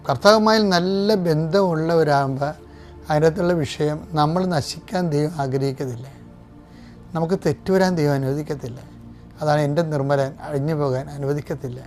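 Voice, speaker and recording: A man's voice: a little high, a little mellow. An older man, a priest, preaching a fervent sermon with emphatic stresses, leading scripture lines to repeat. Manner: leads congregation in repeating scripture line by line. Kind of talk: sermon with prayers.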